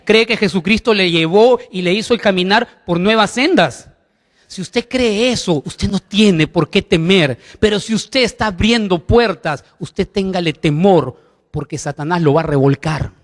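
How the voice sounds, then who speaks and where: A man's voice: sits high, normal speed, long reverb tail. A man preaching a sermon as pastor, emphatic, putting questions to the congregation.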